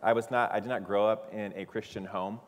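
A man's voice: lowish voice, fairly even intonation, a little fast. A man making live church announcements from the stage in a loose, upbeat way with plenty of fillers. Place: church sanctuary. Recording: long reverb of a large church hall.

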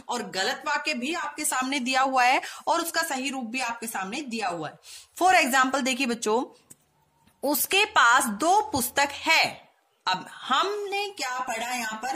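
A woman teacher giving a patient grammar lesson to schoolchildren, often repeating key words and reading example sentences slowly. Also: high-pitched, pushed and bright. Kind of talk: online Hindi grammar lesson for children.

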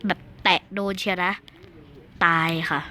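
Bright excitable young woman gamer. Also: unhurried. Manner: excitable, squeals and chatters while playing. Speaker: gaming video host. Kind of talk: casual gameplay commentary.

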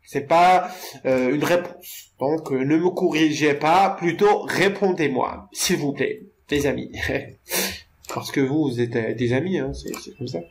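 Slow-talking joking gamer guy. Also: on the high side. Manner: joking and rambling, talks to viewers, stammers repeated words. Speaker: gamer narrating his own play. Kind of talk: casual let's-play commentary.

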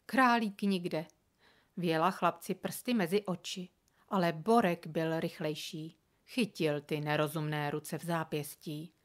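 A woman reading a children's story aloud with expressive, animated narration. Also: low voice. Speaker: reader.

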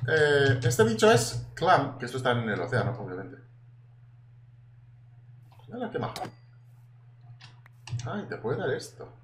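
Young Spanish gaming host, excitable and chatty, swears a lot; swinging pitch, roomy echo. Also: male voice, measured pace, pauses often. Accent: Spanish from Spain. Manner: excitable, swears casually, chatty asides to viewers. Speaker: gaming YouTuber. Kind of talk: casual gameplay commentary. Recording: echoey room with faint noise.

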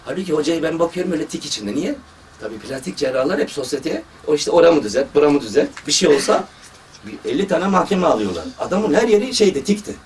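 This is a surgeon giving a religious talk, recounting stories from his work and vividly quoting the people in them. His voice is a little high and he talks fast. The mic is distant, with faint background noise.

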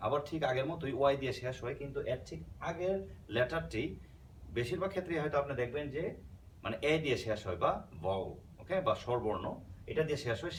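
A man teaching an English grammar lesson, explaining patiently and checking in with "okay?" as he mixes English words into his talk. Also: mid-range voice. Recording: slightly distant mic with faint background noise.

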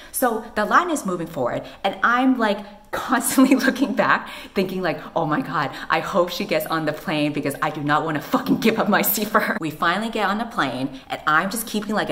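A woman in her twenties telling a sarcastic, profane storytime vlog to camera in a small room. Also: sits low. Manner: animated, sarcastic, swears a lot, gestures broadly. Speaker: vlogger. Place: small plain room indoors.

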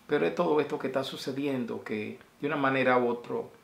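A man's voice: mid-range voice, fast, gravelly. Rambling man in a roomy room. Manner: rambling, affectionate, sends blessings. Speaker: vlogger. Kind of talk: casual video message. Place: small room at home. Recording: roomy echo.

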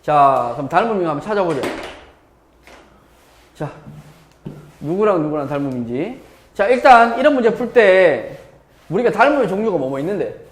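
Male math teacher, live class, bright lively delivery, roomy echo. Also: sits high, moderate pace, pauses often. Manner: lively, constantly checking with students. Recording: echoey classroom.

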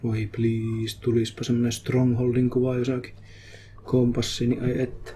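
A man giving casual commentary while he plays a game live, chatty and prone to excitable outbursts in English. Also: medium pitch, slight background noise. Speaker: streamer. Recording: game music behind voice. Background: game music.

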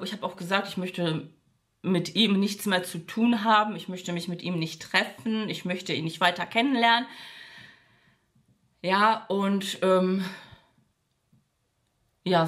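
A woman telling a personal story to her viewers in a casual monologue, acting out the quoted dialogue and addressing the audience with frequent fillers. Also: fairly bright tone. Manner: acts out quoted dialogue with shifts in pitch. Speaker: vlogger.

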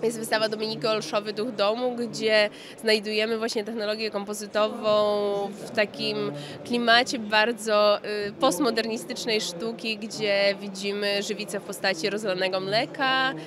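At a busy trade fair, a marketing manager in her thirties gives a spontaneous interview in front of a backdrop in an indoor exhibition hall, enthusiastic and explanatory. Her voice is medium-pitched and level at a moderate pace, caught on a handheld mic just below frame, with crowd hubbub behind her.

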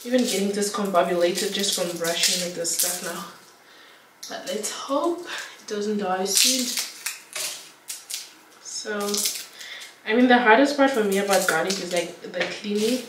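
A woman's voice: mid-range voice, a little slow, pauses often, heavy background noise. A young woman chatting casually in a home cooking vlog, rambling along with lots of filler words. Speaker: vlogger. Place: home kitchen. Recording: echoey kitchen, distant camera mic, kitchen clatter.

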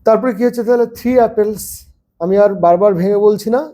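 High-voiced guy teaching a lesson, spells stuff out slow, warm tone. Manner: spells words out slowly letter by letter. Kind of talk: first-grade English lesson for parents.

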